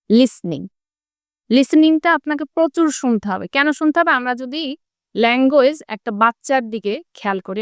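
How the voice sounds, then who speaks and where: Brief: woman teacher, fairly high smooth voice, dry close sound, explanatory, rhetorical questions. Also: no room sound. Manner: asks rhetorical questions, checks in with tag questions. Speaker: English teacher. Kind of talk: explanatory interview talk.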